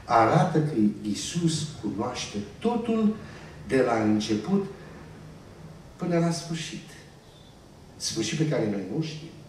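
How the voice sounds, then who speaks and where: A very animated man with a mid-range voice preaches in a church hall, pausing often as he asks his congregation questions and supplies the answers himself. The recording is echoey and distant, with a little hiss or hum.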